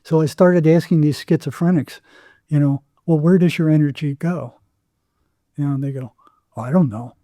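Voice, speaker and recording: Appearing as a guest on a podcast, a man speaks in a very dark, mellow voice pitched slightly above average, at a moderate pace. The recording is close and dry with no echo. He explains through anecdotes, repeating phrases to drive his points home, in typical interview storytelling.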